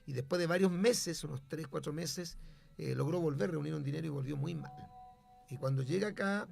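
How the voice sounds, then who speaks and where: Gravelly-voiced pastor telling a story. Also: male voice, a little high, fairly quick, a little mellow, soft background music. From Chile. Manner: storytelling, emphatic, preacherly. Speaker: pastor and radio host. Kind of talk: sermon-like testimony on radio.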